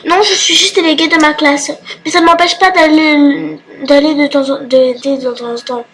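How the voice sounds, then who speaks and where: A woman's voice: sits high, fairly even intonation, normal speed, fairly bright tone, slight background noise. A woman voicing a polite female student delegate from a dating game, hesitant and stumbling over her words.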